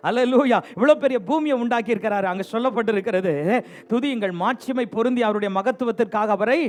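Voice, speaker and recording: A man preaching a lively bilingual sermon in church, exhorting and teasing the congregation and repeating refrains for them to answer. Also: very high-pitched, quick pace. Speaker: pastor. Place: church sanctuary.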